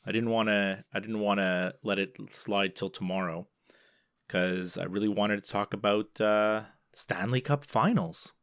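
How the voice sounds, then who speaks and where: A man's voice: lowish voice, measured pace, fairly bright tone, clean tone, no room sound, studio quality. A man co-hosting a casual sports podcast, talking loosely with lots of fillers and restarts. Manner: chatty, many fillers and restarts. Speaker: podcast co-host. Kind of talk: casual chat.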